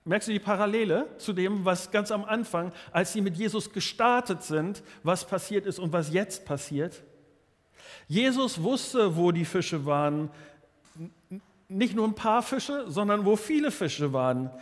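A man's voice: high voice, expressive, unhurried, long reverb tail. A man preaching a sermon earnestly, often restarting and repeating his words. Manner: earnest, many restarts and repetitions.

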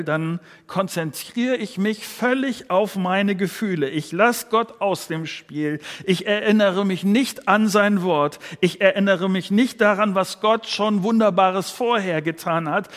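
A man preaching a sermon, earnest, speaking directly to his listeners. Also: high voice. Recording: long hall reverb.

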